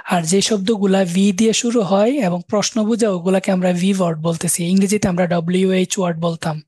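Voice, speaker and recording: A man teaching German in a live online class, repeating and slowly spelling out words. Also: high-pitched, steady tone, a little mellow, husky, no echo, clean studio sound. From Bangladesh.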